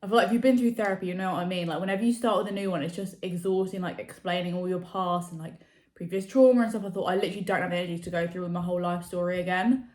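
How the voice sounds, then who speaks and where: A woman's voice: fairly low pitch, fairly even intonation, rapid-fire, a little mellow. A young adult woman chatting casually to camera as a vlogger, rambling with many fillers. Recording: echoey room.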